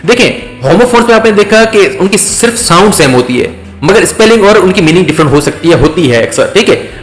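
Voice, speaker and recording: A man giving an English vocabulary lecture, explaining slowly with many fillers and check-ins. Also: high-pitched, very animated. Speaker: English teacher. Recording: echoey room with faint music.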